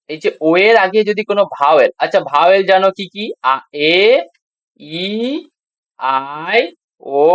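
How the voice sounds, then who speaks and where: In this classroom grammar lesson, a Bengali-accented man walks beginners through English, spelling word endings and repeating each letter. He asks himself questions and answers them in a slightly high, somewhat bright voice, recorded with no echo.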